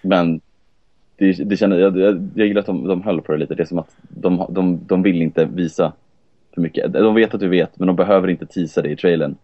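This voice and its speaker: A man's voice: sits low, fairly even intonation, no room sound, dull audio. A man co-hosting a casual podcast who talks hesitantly, repeating words as he searches for them. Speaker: podcast co-host. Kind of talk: casual chat about film trailers.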